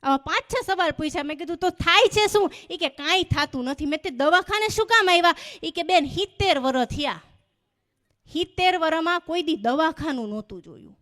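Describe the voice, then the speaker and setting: A high-pitched woman performs stand-up comedy on a stage. She tells animated stories and acts out the voices of the people in them. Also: a little fast. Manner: animated storyteller acting out dialogue. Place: stage before a live audience.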